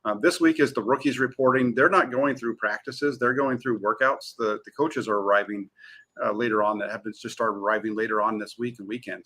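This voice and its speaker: A man, a sports reporter on a talk show, speaking in an energetic, eager way. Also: mid-range voice. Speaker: team beat reporter.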